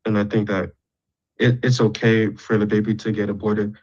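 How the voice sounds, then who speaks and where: A man calling into an online debate, measured and laying out his points one by one. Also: on the low side, flat delivery, darkish tone. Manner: measured, lays out points in order. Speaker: debate caller. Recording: dull lo-fi mic.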